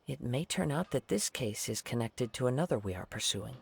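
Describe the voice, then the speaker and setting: An actor playing a calm, polite young swordsman, in a game. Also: medium pitch, fairly quick, vocal fry, a little hiss or hum. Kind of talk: game voice acting. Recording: game audio with faint music.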